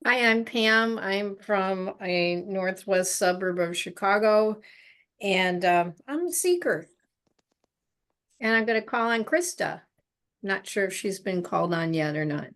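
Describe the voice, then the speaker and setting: A woman introducing herself in a relaxed, friendly way in an online class over a video call. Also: medium pitch, a little slow. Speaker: class participant.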